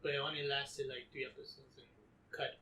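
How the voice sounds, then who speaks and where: A man co-hosting a casual podcast, relaxed, telling stories that trail off softly. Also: medium pitch, a little fast, vocal fry. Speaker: podcast co-host. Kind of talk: casual chat. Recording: distant mic with faint noise and room ambience.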